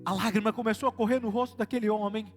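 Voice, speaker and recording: A man's voice: high-pitched, fairly even intonation, fast, long reverb tail. A man with a Brazilian Portuguese accent, a pastor preaching a sermon to a live congregation in a conversational way, throwing questions at the crowd. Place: church service before a live congregation. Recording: live sermon with loud music behind.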